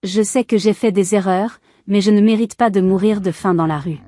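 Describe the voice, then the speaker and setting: A woman voicing a desperate older mother-in-law with a weak, raspy voice, pleading through sobs in a narrated story. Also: medium pitch, moderate pace, warm tone, no echo, studio quality, lightly acted.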